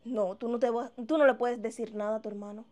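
A woman's voice: a little high, fairly even intonation, fast talker, darkish tone, natural voice. A woman playing a scheming pregnant wife who sweet-talks her husband and flirts with his sister. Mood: seductive. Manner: sweet-talking, manipulative. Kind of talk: amateur web drama acting.

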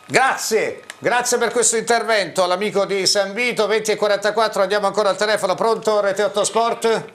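A man hosting a live sports show, commentating on football highlights. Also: steady tone, fairly quick, fairly bright tone. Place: TV studio. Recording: clear background noise behind voice.

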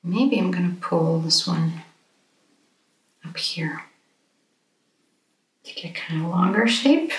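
Woman, drawing teacher, casual, many fillers, slow, roomy echo. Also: lowish voice, expressive, slight background noise. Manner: unhurried, thinking aloud with many fillers. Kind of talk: casual live demonstration. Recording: echoey room.

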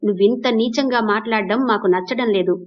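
A woman voicing an elderly grandfather who speaks in a measured, reproving way. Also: on the high side, natural voice. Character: elderly grandfather, stern but gentle. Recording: dull lo-fi recording.

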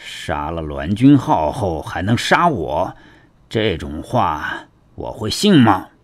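Guy doing a cocky sneering fighter, low voice, drawn out and slow. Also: sing-song, full character voice. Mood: scornful. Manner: sneering, contemptuous. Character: arrogant, scornful older male martial master.

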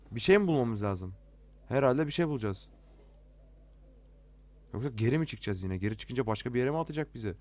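A man's voice: medium pitch, no echo. A young man commenting as he plays a horror game, nervous and jittery, joking and swearing at every scare. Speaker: let's play gamer.

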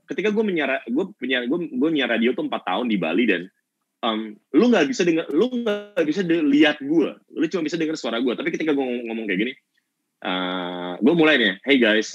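Fiery, fast-talking man on a video call. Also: medium pitch, dry recording, highs cut off. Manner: fiery, energetic, switches between loud and soft. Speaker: workshop speaker. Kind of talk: casual talk in slang.

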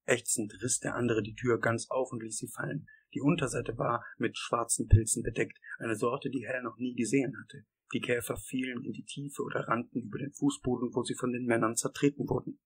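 A man reading a horror story aloud as scripted narration, in a measured, steady way. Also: mid-range voice, husky, poor audio. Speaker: audiobook reader.

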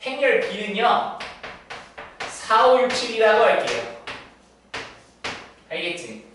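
A male math teacher giving a classroom lecture, often stopping to check in with students through quick tag questions. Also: high-pitched, sing-song, a bit bright. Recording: echoey room, distant mic, faint noise.

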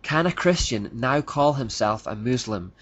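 A man's voice: medium pitch, animated, a little slow, fairly bright tone, dull audio. A man giving scripted narration in a critical tone, reading out quotes.

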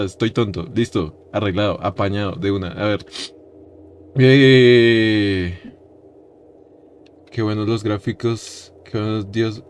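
A young man streaming a horror game, jumpy and loud, yelping in fright, chanting phrases over and over and laughing often. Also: fairly low pitch. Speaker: gaming streamer. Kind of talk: let's-play game commentary.

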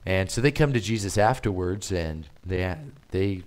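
Deep-voiced man preaching, halting. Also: expressive, darkish tone, clear, resonant tone. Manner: hesitant, many fillers and restarts; plain conversational preaching. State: strained voice. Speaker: missionary preacher. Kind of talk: sermon.

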